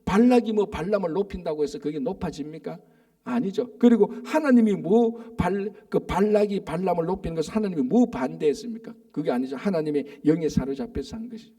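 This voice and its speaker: A middle-aged man, a pastor, preaching a dawn service sermon in a church, emphatic and reading scripture verses slowly. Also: high-pitched, mellow, distant mic. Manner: emphatic, asks the congregation for agreement; reads verses slowly and deliberately.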